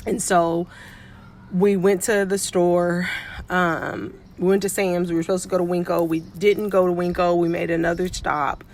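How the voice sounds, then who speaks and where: A woman's voice: lowish voice, little pitch movement, moderate pace, darkish tone, slight background noise. A middle-aged woman, a pediatric nurse and life coach, telling a story casually to camera and acting out what people said. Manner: chatty, acts out quoted dialogue.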